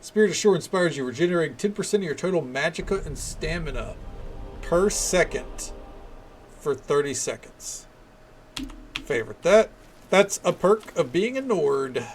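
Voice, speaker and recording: A man's voice: on the high side, animated, moderate pace, soft background music. A man giving casual, chatty gameplay commentary as a streamer, thinking aloud. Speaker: game streamer.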